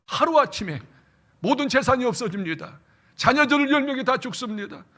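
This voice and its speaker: A pastor preaching a sermon in an animated way. He fires questions at the congregation and calls for amens. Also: very high-pitched, moderate pace. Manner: animated, asks the congregation questions and answers them. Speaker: senior pastor. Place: church sanctuary.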